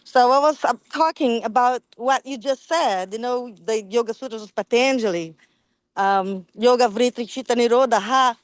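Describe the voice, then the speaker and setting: A woman who teaches school, sharing her thoughts in a class in an earnest, halting way. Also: a little high, no echo. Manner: grateful, earnest, halting with fillers.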